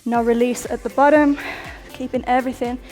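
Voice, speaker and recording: A young woman leads a workout in an upbeat coaching voice, counting down each set and talking through the reps. Her voice sits a little high and gets breathless at times. Faint music plays underneath her. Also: fairly even intonation, brisk, a little mellow. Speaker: fitness instructor. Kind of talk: workout instruction over music.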